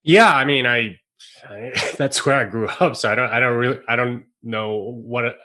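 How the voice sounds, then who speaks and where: Bright-voiced man, rambling interview guest. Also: medium pitch, normal speed. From South Korea. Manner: rambling, many fillers and restarts, laughs often. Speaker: podcast guest. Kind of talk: casual interview chat.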